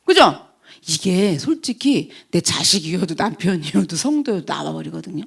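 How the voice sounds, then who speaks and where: A woman's voice: fairly low pitch, moderate pace, gravelly, husky. A middle-aged woman pastor preaching a sermon, asking the congregation questions and acting out voices and sound effects. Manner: animated, acts out quoted voices and sound effects; asks the congregation rhetorical questions.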